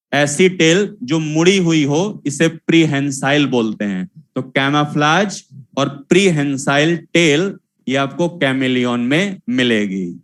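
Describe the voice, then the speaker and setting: Young guy teacher, high voice, nagging and lecturing the class over and over. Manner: scolding, repetitive, lecturing students.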